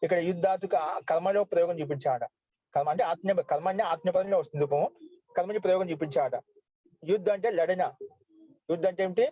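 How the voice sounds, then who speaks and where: A man teaching Sanskrit grammar, slowly reciting verb forms one by one. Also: high voice, warm tone, no echo, rough recording. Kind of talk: online class lesson.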